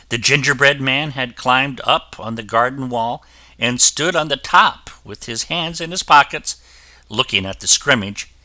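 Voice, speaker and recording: A man reads a children's fairy tale aloud as storyteller, with an expressive delivery in a medium-pitched voice. There is no echo.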